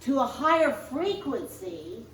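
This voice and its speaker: A woman minister preaching a sermon, speaking in slow, emphatic spiritual affirmations, recorded in a church sanctuary. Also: sits high, big pitch swings, slight background noise. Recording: roomy distant church recording.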